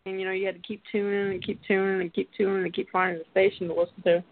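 Gravelly man on a tinny bluetooth headset line. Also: high voice, racing, no echo. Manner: rambling, relaxed, filler-heavy. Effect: bluetooth headset mic over a phone line, cutting out. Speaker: radio show host. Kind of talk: casual talk show chat. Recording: tinny dry phone line.

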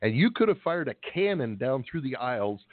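A middle-aged man with a medium-pitched, sing-song voice talks fairly quickly, with no room sound. He co-hosts a trucking call-in radio show and chats casually, rambling and joking in a folksy way. The audio is dry and tinny, like a phone line.

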